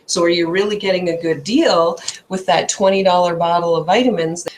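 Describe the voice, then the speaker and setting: A woman's voice: lowish voice, steady tone, brisk, a little hiss or hum. A woman health coach from Canada giving an informal talk, emphatic and chatty, checking in with "okay?" after her points.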